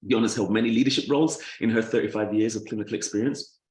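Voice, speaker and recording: A man's voice: fairly low pitch, quick pace, darkish tone, echoey room, low-quality recording. Breathless man on a video call. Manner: chatty, laughs easily, restarts phrases. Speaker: guest introducer. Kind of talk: casual introduction on a video call.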